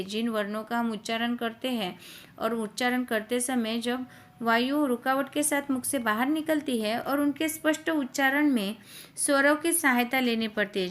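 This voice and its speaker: A woman's voice: high-pitched, fairly bright tone. Woman teacher, patient step-by-step explaining. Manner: explains step by step, repeating each point as a question and answer. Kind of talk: classroom grammar lesson.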